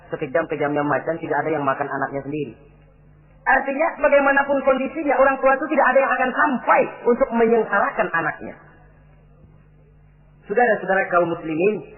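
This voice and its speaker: A middle-aged Indonesian man preaching a sermon, animated and acting out the voices of people in his stories. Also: sits high. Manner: animated, acts out quoted voices. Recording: tinny lo-fi old recording.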